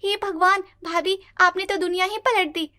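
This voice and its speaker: A woman voicing a brisk, nosy young sister-in-law in a cartoon, with a chiding manner. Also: very high voice, steady tone, pushed and bright, no room sound, clean studio sound, voice pushed up. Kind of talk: cartoon voice acting.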